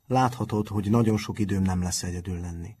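A man voicing a stern but kind middle-aged male schoolteacher, gruff and loud when he exclaims. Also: deep voice. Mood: gruff kindly.

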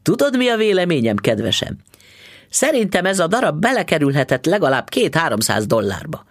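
A man's voice: on the high side, very animated, no room sound, clean studio sound, voice pushed up. A man voicing a smug, stingy middle-aged male dentist who talks down to his wife. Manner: patronizing.

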